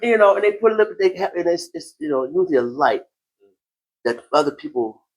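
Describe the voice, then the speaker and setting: A podcast host talks in a casual, conversational way, animated and brisk with a slightly high voice. He often repeats phrases and laughs easily.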